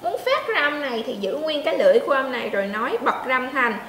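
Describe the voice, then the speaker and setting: High-voiced woman teaching pronunciation, echoey. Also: animated, fairly bright tone, slight background noise. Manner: demonstrates sounds slowly, asks learners to check in. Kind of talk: pronunciation lesson. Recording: echoey room with faint ambience.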